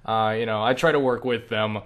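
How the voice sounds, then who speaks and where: A young adult online creator answers viewer questions in a casual, rambling, self-deprecating way, throwing in animated asides with acted-out quotes. His voice is lowish and he talks a little fast.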